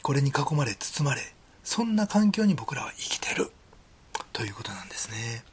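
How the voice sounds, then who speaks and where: Very husky man preaching in Kansai dialect. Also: medium pitch, sing-song, moderate pace. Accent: Kansai Japanese. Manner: earnest, conversational preaching with many whispered phrases. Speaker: pastor. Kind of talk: sermon.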